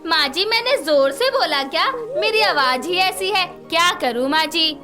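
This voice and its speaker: A woman voicing a loud, blunt and impatient young newlywed daughter-in-law in a cartoon story. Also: extremely high pitch, expressive, measured pace, music in the background. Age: young adult.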